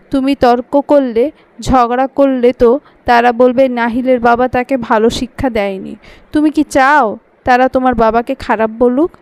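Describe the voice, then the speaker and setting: A woman voicing a father on a phone call who corrects his son firmly and then coaxes him gently. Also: a little high, no echo. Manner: firm, then coaxing.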